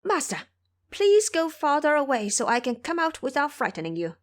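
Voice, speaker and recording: An excitable monkey hero, played by a woman for an audio drama. The voice leaps high and swings widely in pitch, brash and eager, exclaiming like a devoted disciple. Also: moderate pace. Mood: urgent, excited.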